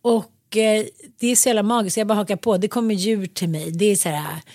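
A woman's voice: mid-range voice, steady tone, darkish tone, no echo, clean studio sound. A woman from Sweden, telling a personal story in casual chat, acting out quoted dialogue with laughs. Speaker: podcast co-host.

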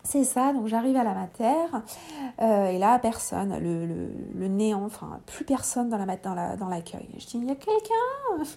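A woman's voice: mid-range voice, normal speed, vocal fry. A woman in her thirties, a podcast guest candidly telling her own story and acting out the dialogue. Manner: lively retelling, acting out dialogue with laughs.

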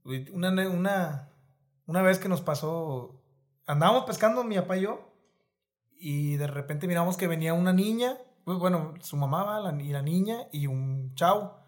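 A man's voice: high-pitched, normal speed. A man, telling fishing stories in casual, slangy chat. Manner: animated slangy storyteller. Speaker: podcast guest. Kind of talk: casual storytelling.

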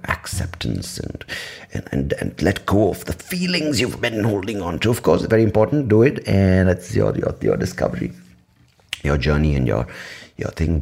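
Deep gravelly podcaster. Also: male voice, darkish tone. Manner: rambling, profane, self-mocking, many restarts. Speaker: podcast host. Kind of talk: casual solo podcast monologue.

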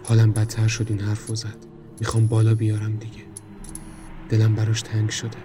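A man narrating a first-person horror story in a grim, low tone, also hosting the podcast. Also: completely flat delivery, noisy background.

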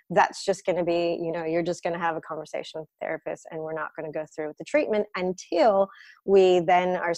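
This interview features a colon hydrotherapist who grew up in the U.S., talking frankly and practically about what she does, using lots of filler words. Her voice is fairly low, and there is no room sound.

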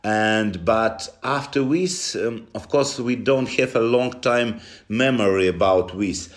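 A man with a Russian accent answering interview questions in halting non-native English, often dropping articles. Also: mid-range voice. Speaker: interview guest from a football club.

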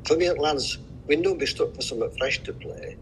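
An older man from Yorkshire with a broad Yorkshire accent, slowly reciting a dialect poem aloud. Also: fairly high pitch, slight background noise, poor audio. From Yorkshire, England. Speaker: dialect society chairman.

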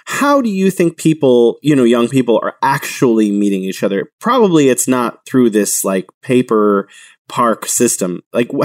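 A man's voice: medium pitch, no echo, distant mic. A man co-hosting a podcast, chatting casually in a rambling way with lots of restarts. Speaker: podcast co-host. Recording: a bit off the mic, dry.

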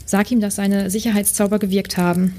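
A woman's voice: medium pitch, flat delivery, a little fast, darkish tone, slight background noise, natural voice. Woman reading a tense teenage boy. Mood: uneasy. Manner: breathless reading. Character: teenage boy wizard, irritated but steady.

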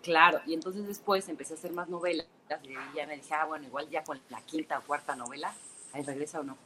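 A woman with a Mexican accent, chatting as a guest in an interview and telling animated stories full of fillers, heard over a phone call. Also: deep voice, quick pace. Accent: Mexican Spanish. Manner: animated storyteller, many fillers like "este" and "o sea". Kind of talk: casual interview chat.

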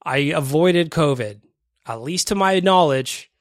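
A man's voice: on the high side, animated, unhurried, dry recording, clean studio sound. A man hosting a casual sports podcast solo, sounding slightly nasal, phlegmy and congested, talking informally with repeated phrases for emphasis. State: mildly congested with a cold-like illness. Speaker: podcast host. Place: small home basement studio.

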